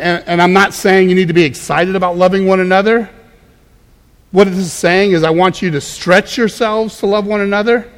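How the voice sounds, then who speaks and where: A man's voice: a little high, long reverb tail. A man preaching a conversational sermon as a pastor, emphatic and prone to repeating words as he goes. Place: church.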